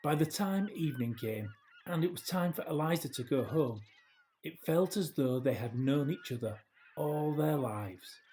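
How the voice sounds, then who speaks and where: Here a man with a fairly high-pitched voice reads a children's tale aloud, pacing it with expressive, measured delivery and intentional pauses.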